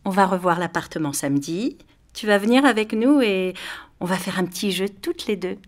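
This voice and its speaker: A woman voicing a gentle, patient mother in a children's audio story, speaking in a soft, reassuring way. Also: medium pitch, animated, normal speed, natural voice. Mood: tender reassuring.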